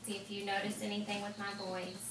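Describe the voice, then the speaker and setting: A woman audiologist giving calm, patient instructions and reassurance as she switches on a hearing implant. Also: mid-range voice, a little fast. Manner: calm, reassuring, checks in often. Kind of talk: clinical instructions. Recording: echoey room, mic at a distance, background noise.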